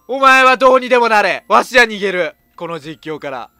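A woman's voice: medium pitch, expressive, a little fast, bright, forceful tone, no room sound, clean studio sound. A woman with a Kansai accent giving casual horror game commentary as a streamer, full of blunt, mouthy asides. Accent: Kansai Japanese. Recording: music behind the voice.

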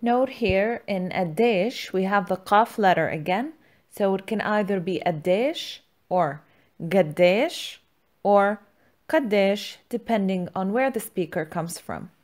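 A woman's voice: medium pitch, normal speed. A woman hosting a scripted language lesson, enunciating words and phrases in an instructional way. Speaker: language teacher, channel host.

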